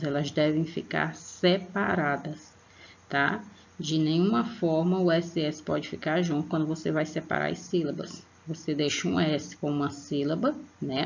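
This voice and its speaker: A teacher with a Brazilian Portuguese accent giving an online spelling lesson, patient and checking in after each point, sounding out example words slowly. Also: medium pitch, creaky, breathy edge. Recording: dull lo-fi recording.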